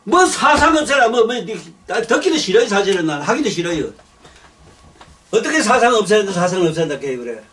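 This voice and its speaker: Older preacher ranting bluntly. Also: male voice, high-pitched, big pitch swings, fairly quick, a bit bright, far from the mic. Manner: blunt, swears and rants, repeats words. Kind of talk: sermon.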